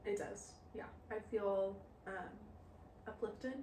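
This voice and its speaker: A woman's voice: mid-range voice, little pitch movement, slow, dark tone. Giggly late-twenties woman podcasting, chatty and teasing, roomy echo, faint hiss behind. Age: late 20s. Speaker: podcast co-host. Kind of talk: casual chat.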